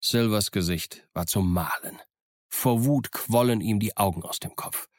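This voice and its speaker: A man reading a novel aloud as the narrator, in a calm, even storytelling manner. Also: on the low side, measured pace, no room sound, studio quality. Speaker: audiobook reader. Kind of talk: scripted narration.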